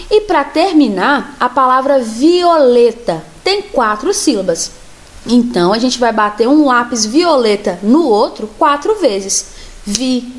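Slow, patient woman teaching music. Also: high-pitched. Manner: slow, patient, clearly spelled-out instructions. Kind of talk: children's music lesson instructions.

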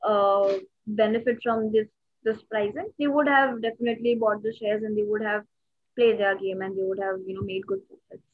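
A woman's voice: mid-range voice, fairly even intonation, normal speed. A woman with an Indian accent explaining things casually, mixing English and Hindi and often checking that the listener follows. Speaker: guest commentator on investing. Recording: tinny, phone-like narrow line.

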